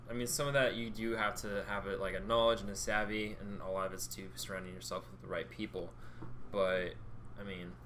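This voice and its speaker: A man's voice: on the low side, fairly bright tone, a little hiss or hum. A young man as a podcast guest, easygoing and agreeable, often restarting his sentences as he thinks aloud. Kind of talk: casual chat.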